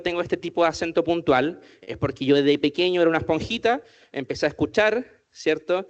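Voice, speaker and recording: A man giving an inclusion workshop to a group, asking the audience many questions as he goes. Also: a little high. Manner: asks the audience many questions, says "¿cierto?" often. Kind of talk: interactive talk to a group.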